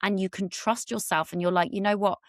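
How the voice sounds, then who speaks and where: A woman's voice: mid-range voice, steady tone, a little fast, dry recording, studio quality. A middle-aged woman from Britain, a relationship expert talking candidly as a podcast guest, swearing freely and acting out quotes in a raised voice. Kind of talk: candid conversational interview.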